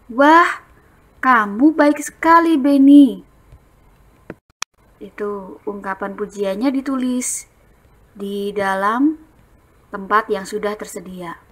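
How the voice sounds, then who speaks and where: A woman's voice: mid-range voice, a bit bright. A woman primary school teacher from Indonesia giving a recorded lesson to young children, explaining patiently and drawing out her words.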